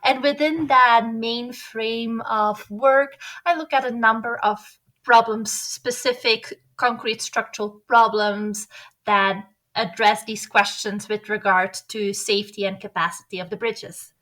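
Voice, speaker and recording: A woman from Belgium, an engineering professor, answering interview questions in a clear, orderly way. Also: on the high side, fairly even intonation, measured pace, fairly bright tone.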